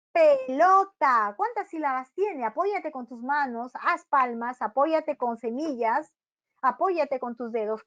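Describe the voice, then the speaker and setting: A woman from Peru giving a patient, step-by-step early-childhood education webinar, slowly sounding out words for parents. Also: high-pitched. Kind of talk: instructional webinar talk. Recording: dull lo-fi webinar audio.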